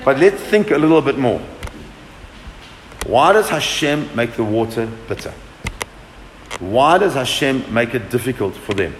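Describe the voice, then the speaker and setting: A man's voice: mid-range voice, lively intonation, measured pace, long pauses. A man teaching a Torah class to a group, asking questions and answering them with emphasis. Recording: echoey room with long reverb.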